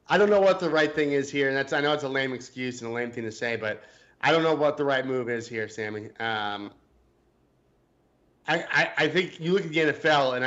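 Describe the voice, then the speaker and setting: A man's voice: mid-range voice, fairly bright tone, muffled recording. A man co-hosting a casual sports podcast, hesitant and joking, often restarting his sentences. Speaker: podcast co-host.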